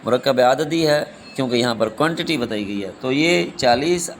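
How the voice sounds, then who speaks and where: A man's voice: medium pitch, a little hiss or hum. A man teaching a class, reading exam questions and their options aloud, then giving the right answer and calling his students "beta".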